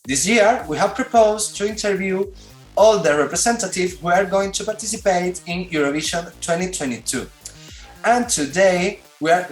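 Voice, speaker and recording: A man with a Spanish accent hosting an interview, asking formal questions in careful, slightly halting English. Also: sits high, echoey room, low-quality recording. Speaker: interviewer, channel host.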